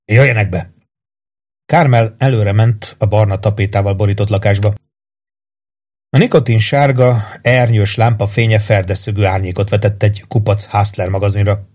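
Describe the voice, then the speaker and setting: Male narrator, low voice, measured audiobook reading. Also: darkish tone. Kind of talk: scripted narration.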